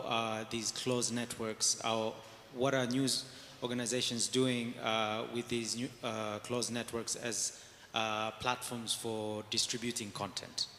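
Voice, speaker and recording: Audience member, man from Tanzania, hesitant, bright tone, echoey hall. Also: mid-range voice. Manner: hesitant, many fillers. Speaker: audience member asking a question. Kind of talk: question from the floor. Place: conference hall, audience mic. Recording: echoey hall with faint noise.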